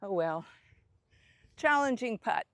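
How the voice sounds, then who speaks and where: A woman's voice: medium pitch, lively intonation, slow, no room sound. A middle-aged woman hosting a casual golf vlog, chatting to herself on the course with a self-deprecating manner. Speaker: host.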